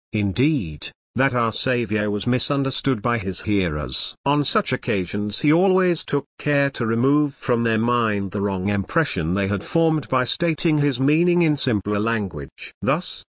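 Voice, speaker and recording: A man reading a religious book aloud, measured and earnest, slowing down for each scripture citation. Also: medium pitch, a bit bright, no echo, clean studio sound. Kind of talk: audiobook reading of apologetics.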